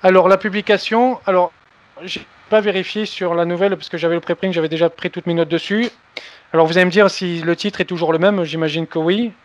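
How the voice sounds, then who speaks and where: A man with a notably high-pitched voice hosts the interview. He reads his prepared questions from notes and sometimes jokes at his own expense. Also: fairly even intonation, brisk. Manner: reads prepared questions, occasional self-deprecating joke. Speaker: interviewer host.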